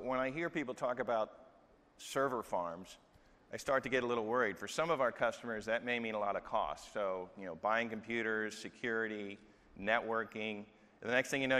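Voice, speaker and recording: A man with a lowish, slightly bright voice hosts a live product demo on a large hall stage, talking a little fast. He's casual and joking, asking leading questions, picked up on a lapel mic with the hall's reverb around him.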